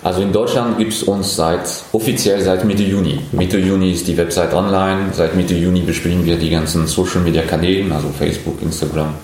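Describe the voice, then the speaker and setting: A man in his forties from France, speaking German with a French accent, answering interview questions as a startup founder with thoughtful pauses. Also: sits low, fairly even intonation, a little mellow, heavy reverb, a little hiss or hum. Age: 40s. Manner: thoughtful, many pauses and fillers.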